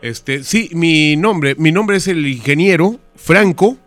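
A man playing a pompous, rambling hotel-owner engineer in a radio prank call, stalling with fillers and spelling things out slowly. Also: on the high side, expressive, fairly bright tone, no room sound, faint music behind. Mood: fussy. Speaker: prank caller.

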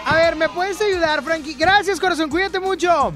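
A woman hosts a call-in radio show with a high, bright-sounding voice. She teases and jokes with callers and breaks into loud enthusiastic outbursts. A soft music bed runs beneath her. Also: normal speed. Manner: teasing, joking, bursts of loud enthusiasm. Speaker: radio host. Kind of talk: playful radio banter with callers.

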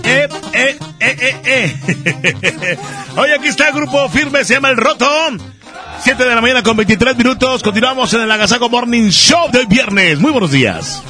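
A man co-hosting a morning radio show, joking and quick to laugh. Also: very high-pitched, lively intonation, music in the background. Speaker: radio co-host. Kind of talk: radio announcing.

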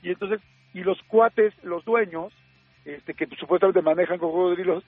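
Husky-voiced Mexican man telling a story. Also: sits high, normal speed, dry recording. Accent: Mexican Spanish. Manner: lively storyteller acting out quoted dialogue, many fillers. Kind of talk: casual anecdote telling. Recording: narrow phone-like sound, faint music.

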